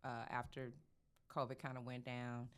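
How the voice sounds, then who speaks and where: Her voice rumbles low yet sounds clear and resonant, moving at normal speed. This young adult makeup artist from St. Louis, USA, chats easily during an interview, peppering her talk with fillers and quoted dialogue.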